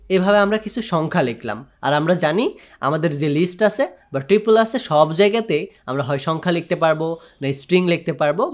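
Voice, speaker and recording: A man from Bangladesh with a Bangladeshi Bengali accent, teaching programming in a coding tutorial. He explains step by step and mixes English technical terms into his Bengali. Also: a little high. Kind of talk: screen-share coding tutorial.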